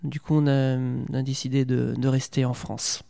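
Young male interviewee, hesitant and halting, flat warm voice, reverberant room. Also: mid-range voice, vocal fry, smooth. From Portugal. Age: young adult. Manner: hesitant, many fillers and restarts. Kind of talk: casual interview.

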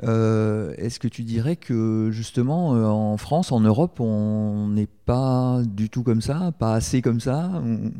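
Male interviewer, rambling questions, very dark mellow tone, reverberant room. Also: on the low side, slow pace, hardly any pauses, clear, resonant tone. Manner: rambling questions with fillers and restarts. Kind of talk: casual interview.

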